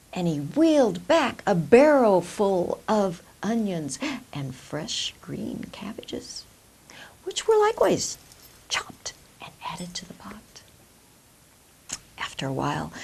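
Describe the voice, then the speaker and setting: Animated, unhurried woman storyteller. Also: lowish voice. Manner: dramatic, deliberate phrasing. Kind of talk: expressive storytelling of a folk tale. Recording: clear background hiss.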